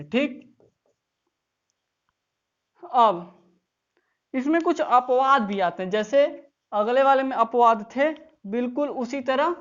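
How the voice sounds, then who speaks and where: A woman's voice: on the high side, dull audio. A woman teaching English grammar in an online class, explaining step by step and often checking that students follow.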